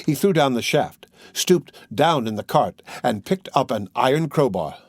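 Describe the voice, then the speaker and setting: A male narrator reads a classic novel with dramatic expression and a lively, varied pitch. His voice sits in a middle register. The recording is dry and close, with no room sound. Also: normal speed, dry recording. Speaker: audiobook narrator.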